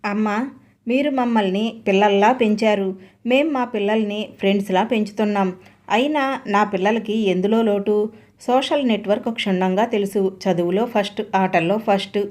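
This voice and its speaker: A woman reading an audiobook story, voicing a busy grown daughter who answers her mother defensively and briskly. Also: mid-range voice, darkish tone, lightly acted.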